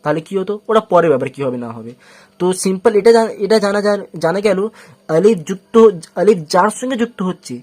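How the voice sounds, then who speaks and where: A man's voice: sits high, lively intonation, a little mellow. Patient man teaching step by step. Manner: patient, repeats rules slowly and often, asks and answers its own questions. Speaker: Quran reading teacher. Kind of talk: step-by-step spoken lesson.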